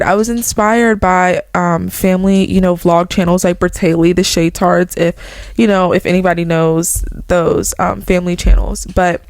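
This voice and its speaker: In her twenties, this vlogger talks casually to her viewers in an earnest, rambling motivational chat peppered with "like" and "okay." Her voice sits on the low side and is a little mellow, with no echo.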